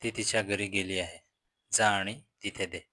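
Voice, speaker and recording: A man's voice: sits low, fairly even intonation, moderate pace, bright, forceful tone, no room sound. A man voicing a matter-of-fact mother in a storytelling reading, keeping his own plain voice.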